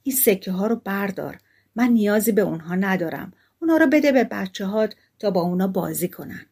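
A woman's voice: medium pitch, expressive, darkish tone, husky. Woman reading kind gardener guy, fairy tale audiobook. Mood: kindly. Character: kindly male gardener.

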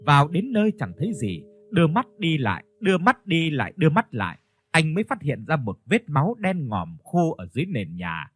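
A male storyteller narrating a ghost story in a scripted reading, with soft instrumental music behind him. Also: on the high side, wildly swooping pitch, fairly quick, breathy edge, no room sound. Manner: storytelling, voices the characters.

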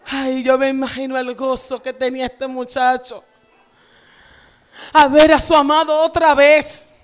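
A woman pastor, preaching a fervent sermon in a church with repetitive phrasing. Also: sits high. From Dominican Republic.

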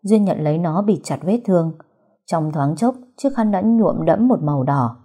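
A woman narrating an audio story in a steady, dramatic way. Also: lowish voice, normal speed, husky.

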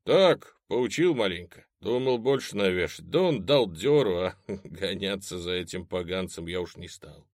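A man playing a cheerful, rough cavalry soldier who brags in a loud, jolly way. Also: low-pitched, normal speed, no echo, studio quality, natural voice.

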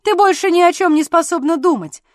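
A woman voicing a jealous, petulant young husband who complains loudly in an audiobook. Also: sits high, moderate pace, no echo, studio quality, natural voice. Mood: angry complaining. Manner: loud, sulky and exasperated.

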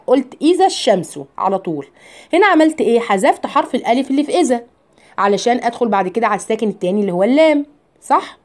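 Egyptian woman, Quran recitation teacher, mellow low-bright tone, slightly high voice, earnest drills. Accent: Egyptian Arabic. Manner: earnest, stresses vowel drills by repetition; slow, drawn-out Quranic recitation between explanations. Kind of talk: online tajweed lesson.

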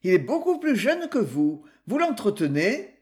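A blunt male police inspector presses his questions, as an audiobook reader voices him. Slow, measured delivery with animated pitch. Storybook crime reading. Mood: probing. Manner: blunt, interrogating.

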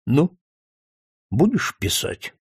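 A man voicing a calm, calculating doctor who speaks in a quiet, measured and deliberate way in an audiobook reading. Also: a little high, slightly rough, dry recording, clean studio sound, pitched above the performer's own voice, heavily acted. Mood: cold taunting. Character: cold calculating male doctor, calm and scornful.

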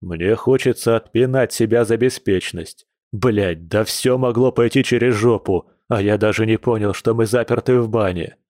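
A man voicing a hot-tempered, protective bear shapeshifter, gruff and intense, in an audiobook. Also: moderate pace, darkish tone, dry recording, clean studio sound, close to an everyday voice. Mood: furious. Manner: gruff, intense, with low hissed anger. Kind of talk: audiobook character reading.

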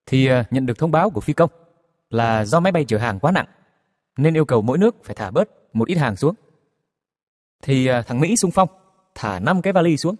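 A man telling a joke at a brisk clip, with fillers. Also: mid-range voice, lively intonation, long reverb tail. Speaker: joke teller. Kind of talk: telling jokes.

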